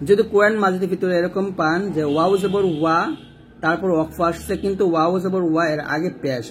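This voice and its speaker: A man teaching Quran reading step by step, spelling out letters and vowel marks and then reciting them slowly and drawn out. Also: fairly high pitch, a little mellow, breathy edge.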